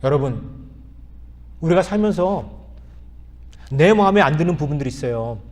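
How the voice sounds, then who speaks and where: Pastor, man, 50s, sermon. Mellow, slightly high voice, storytelling with earnest appeals. Long church reverb. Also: animated, normal speed. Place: church sanctuary.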